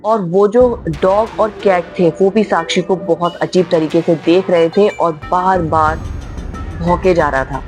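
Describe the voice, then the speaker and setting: A woman's voice: lowish voice, fairly even intonation, measured pace, a little mellow. A woman narrating a spooky horror story in a dramatic, emphatic way, often stressing how very scary things were. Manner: dramatic, repeats "very much" for emphasis. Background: faint music.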